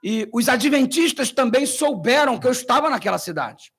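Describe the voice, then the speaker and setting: Gravelly, animated Brazilian preacher man. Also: extremely high pitch, normal speed. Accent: Brazilian Portuguese. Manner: animated storytelling, acting out the voices in his stories, slangy. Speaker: pastor. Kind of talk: sermon.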